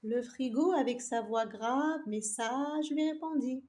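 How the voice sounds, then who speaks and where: A woman telling a scripted children's story in an expressive, theatrical manner, addressing young listeners. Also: high voice, slow.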